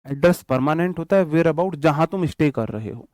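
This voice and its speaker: A man's voice: a little high, animated, normal speed, a little mellow, no room sound. A young man teaching English grammar in an online class, chatty and direct, counting out examples. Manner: explains in Hindi mixed with English terms, repeats and counts out examples; addresses students directly, casual and chatty. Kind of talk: online exam-prep lecture.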